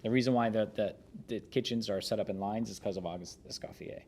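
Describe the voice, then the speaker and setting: A man's voice: fairly low pitch, fast, a little hiss or hum. A man hosting a podcast, reading a memoir aloud and then chatting casually with restarts and fillers. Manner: relaxed, rambling, with frequent fillers and restarts. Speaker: podcast host.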